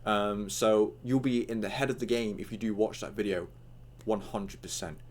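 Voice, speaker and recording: A man's voice: lowish voice, steady tone, normal speed, darkish tone, slight background noise. A young man with hiccups giving a casual, rambling online tutorial, full of fillers and acted-out chat lines.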